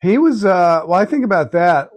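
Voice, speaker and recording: A man talking casually as a talk show host, with a halting, sardonic manner. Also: high voice, lively intonation, dry recording. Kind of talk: casual chat.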